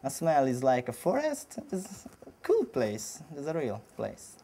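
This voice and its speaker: A man from Hungary with a Hungarian accent, giving informal interview remarks in halting, non-native English. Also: medium pitch, wildly swooping pitch, warm tone, husky. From Budapest, Hungary. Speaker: competition barista.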